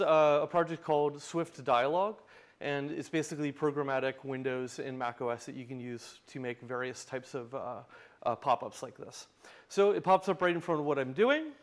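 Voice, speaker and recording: A man presenting a live demo in a tech lightning talk, with wry, self-deprecating humor. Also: on the high side. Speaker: tech conference speaker, open source project founder.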